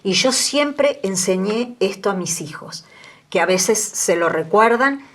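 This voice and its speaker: A woman in her sixties with an Argentine Spanish accent speaks as an interview guest, telling her story with earnest emotion. Her medium-pitched voice is expressive and a little slow.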